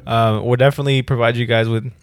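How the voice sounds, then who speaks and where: A man's voice: medium pitch, little pitch movement, fast talker. Joking young man hosting a podcast. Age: young adult. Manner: loose and joking, swears, laughs often. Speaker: podcast co-host. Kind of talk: casual podcast chat.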